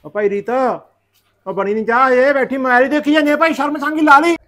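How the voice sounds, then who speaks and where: A man's voice: very high voice, fairly even intonation, quick pace, bright, forceful tone. An actor playing a weary, aging rural father who grumbles and lectures his family. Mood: scolding. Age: older. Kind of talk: village family drama acting.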